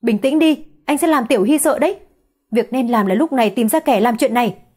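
A woman reading a calm male friend who urges restraint in an audiobook. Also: on the high side, fast, husky. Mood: urging. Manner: soothing, persuasive.

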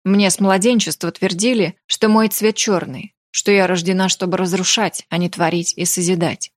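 A woman narrating a romance fantasy audiobook in an even, measured reading. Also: lowish voice, no echo, clean studio sound.

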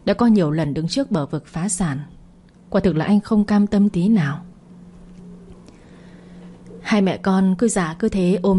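A woman narrating a story in a steady, even storytelling voice. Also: fairly low pitch, a little hiss or hum.

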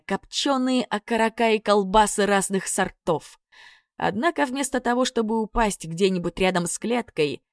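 A woman narrating a fairy tale audiobook in an expressive storytelling manner. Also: fairly low pitch, no room sound, studio quality.

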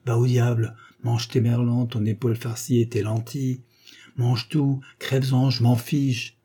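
A man's voice: medium pitch, level tone, a little slow, mellow, slightly rough. A man voicing a flustered, greedy bourgeois husband who stammers and then blusters in annoyance. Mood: irritated.

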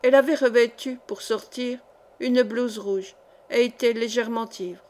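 Woman reading a short story, steady and measured, bit high-pitched. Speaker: audiobook reader. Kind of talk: literary narration.

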